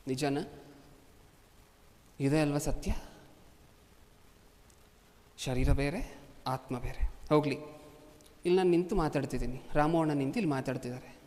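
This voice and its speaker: A man's fairly high-pitched, slightly mellow voice fills a large hall as he preaches to a congregation, continually asking them rhetorical questions. Long hall reverb colors the recording.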